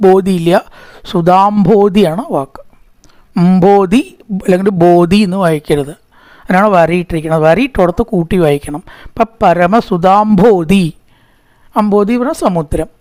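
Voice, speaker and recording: A man, teaching verse recitation patiently. He breaks words apart and chants the verse lines slowly. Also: high-pitched, darkish tone, dry recording. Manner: patient, repeats syllables slowly to correct pronunciation.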